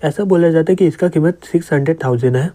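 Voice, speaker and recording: A man who explains comics, narrating a story in steady storytelling. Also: a little high, fast talker.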